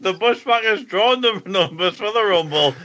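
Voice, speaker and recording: Bright-voiced man in casual banter. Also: high voice, lively intonation, normal speed, highs cut off. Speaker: podcast panellist. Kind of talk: casual banter about wrestling.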